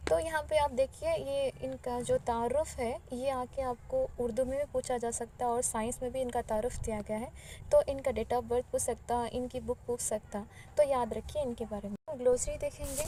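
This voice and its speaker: High-voiced woman teaching a lesson. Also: fairly even intonation, warm tone, slight background noise, rough recording. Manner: explains in Hindi mixed with English, reads English lines slowly. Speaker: English teacher. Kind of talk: textbook grammar lesson.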